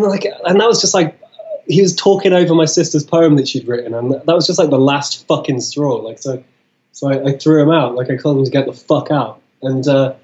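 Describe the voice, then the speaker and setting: A man telling stories in casual chat, rambling and halting, with frequent swearing. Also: a little high, a little mellow, muffled recording. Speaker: guest.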